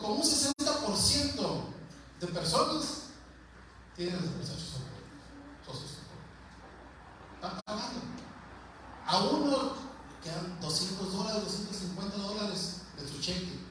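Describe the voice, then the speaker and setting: A man's voice: high voice, bright, forceful tone. A man preaching a sermon in a church, talking earnestly and conversationally and repeating phrases for emphasis. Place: church sanctuary. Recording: very echoey church room, voice picked up from a distance, faint ambient noise.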